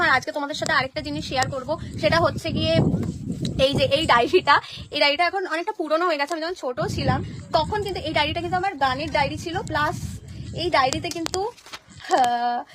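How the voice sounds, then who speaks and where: A woman's voice: sits high, noisy background. A young woman chatting casually on a live stream from home, reading out and answering viewer comments. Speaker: content creator on a live stream. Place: at home, in front of a painted wall.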